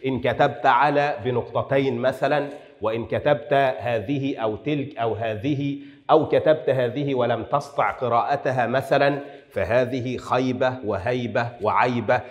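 Here the same Arabic writing instructor speaks at medium pitch and normal speed, with a long reverb tail trailing his words. Lecturing on writing rules, he asks and then answers his own questions while drawing out example words emphatically.

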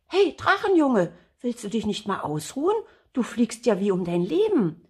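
A woman's voice: lowish voice, sing-song, measured pace, husky, full character voice. Grandma voicing a cheerful little girl dragon. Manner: bright, friendly and forthright. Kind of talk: storybook reading.

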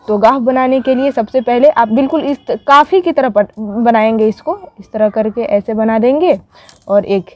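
A woman's voice: fairly high pitch, no room sound, lo-fi sound. A woman teaching a beginners' writing lesson, patiently walking students through each letter stroke by stroke and repeating her checks. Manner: patient, repeats "ठीक है" and "आप लोगों का". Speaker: Urdu teacher. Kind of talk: step-by-step handwriting lesson.

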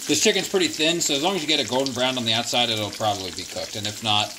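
A man's voice: medium pitch, fast. A young man casually walking through a recipe in his home kitchen, plain-spoken and full of fillers. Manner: laid-back, plain-spoken, filler-heavy. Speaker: home cook. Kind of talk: casual cooking demonstration. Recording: noisy home kitchen with sizzling.

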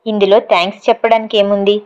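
A woman's voice: mid-range voice, level tone, fast, darkish tone, clean tone, dull audio, lightly acted. A woman reading the lines of an easygoing young man who jokes lightly. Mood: joking.

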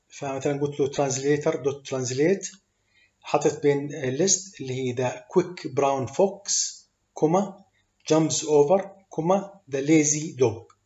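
Male coding tutor, slightly high voice, muffled lo-fi sound, walks through each step. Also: a little mellow. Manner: explains step by step with many fillers, mixing English code terms into Arabic. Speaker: programming instructor. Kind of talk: screen-recorded coding tutorial. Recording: echoey room, dull lo-fi sound.

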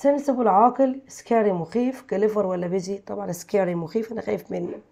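Woman, Egyptian Arabic accent, English teacher, gravelly tone, reading exercises, translating, asking pupils. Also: mid-range voice, brisk, warm tone. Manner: reads English then translates, quizzing pupils. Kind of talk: textbook exercise lesson.

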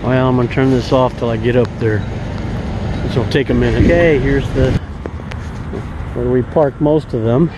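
Trucker muttering on a phone vlog. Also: male voice, medium pitch, fairly even intonation, moderate pace. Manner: mutters quietly to himself while working. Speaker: truck driver. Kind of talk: casual vlog narration. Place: truck terminal lot at night, then inside a truck cab. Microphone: handheld phone camera. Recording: phone recording with engine and yard noise.

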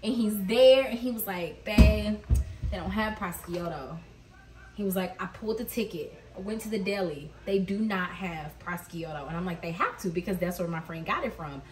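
Over music, a woman in her thirties speaks at a normal speed in a mid-range voice for a cook-with-me vlog. She's making dinner at home, telling a story and laughing a lot, recorded by a distant camera in her echoey kitchen.

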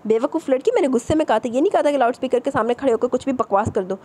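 Woman reader doing a possessive, hot-tempered landlord husband, stern scolding in a dark mellow tone. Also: medium pitch, natural voice. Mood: angry. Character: angry young feudal husband, stern and possessive.

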